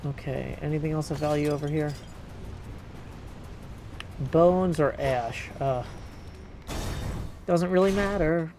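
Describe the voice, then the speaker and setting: A game streamer thinks aloud while giving casual live commentary on his decisions. His voice is on the high side, slow and full of pauses, with game sounds clearly audible in the background.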